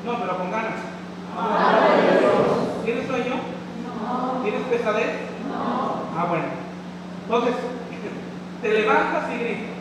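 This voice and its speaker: A man's voice: very high-pitched, slow, long pauses, heavy background noise. A male pastor preaching a rousing sermon, calling out to his congregation in a large church. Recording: echoey hall, far from mic. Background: congregation shouting amen.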